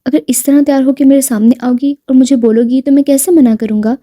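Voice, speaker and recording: A woman's voice: high voice, steady tone, warm tone. A woman voicing a devoted, teasing husband who turns firm and insistent under arrest, in a storybook reading. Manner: teasing and tender, then firm when arrested. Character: devoted affectionate husband, teasing, wealthy businessman.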